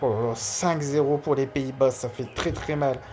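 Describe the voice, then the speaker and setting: Un homme qui zozote, avec des s chuintants, commente en amateur un match de jeu vidéo en direct et répète certains mots pour insister. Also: male voice, medium pitch, moderate pace, music in the background. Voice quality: lisping, slushy s and sh sounds. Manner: repeats key words for emphasis. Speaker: amateur live streamer. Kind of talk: football video game commentary and dedication to a friend.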